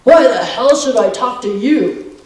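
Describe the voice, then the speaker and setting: A woman voicing a big, rough drunken laborer with a gruff, surly manner as she tells a children's story. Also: fairly high pitch, animated, unhurried, a little mellow. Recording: echoey sanctuary from far off.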